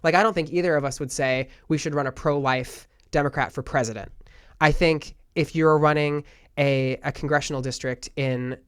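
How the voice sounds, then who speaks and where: A young man in casual political talk, earnest and reflective, thinking out loud. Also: on the high side, fairly even intonation, moderate pace, clean tone. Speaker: podcast host.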